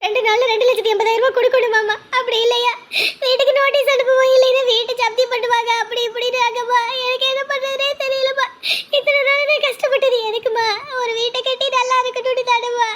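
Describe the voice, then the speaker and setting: A woman's voice: very high voice, level tone, fast talker, a bit bright, slight background noise. A woman playing a sobbing young woman in debt. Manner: tearful, pleading. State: crying. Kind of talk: family web drama acting.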